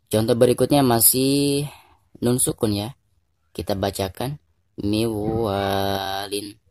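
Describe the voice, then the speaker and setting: An Indonesian man teaching Quran recitation rules, explaining patiently and repeating each point, then slowing down to chant drawn-out examples. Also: mid-range voice, darkish tone, no echo, studio quality. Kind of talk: tajwid lesson with recited examples.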